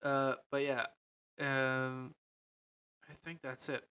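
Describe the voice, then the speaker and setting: A man with a deep, slightly nasal, stuffed-up voice hosts a podcast. He talks casually and off the cuff, often hesitating and rewording himself as he rambles along. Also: level tone, takes it slowly, pushed and bright, clean tone. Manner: hesitant, rambling, self-correcting, frequent "like". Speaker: podcast host. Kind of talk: casual unscripted podcast talk about games and films.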